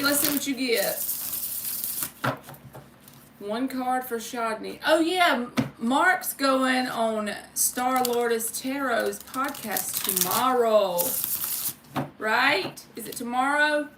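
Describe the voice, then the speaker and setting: A high-pitched woman takes her time as she hosts a relaxed tarot livestream, giving spiritual readings and chatting informally. She speaks to viewers by name and uses some mild swearing. The mic sits far away, so the sound is roomy with faint noise.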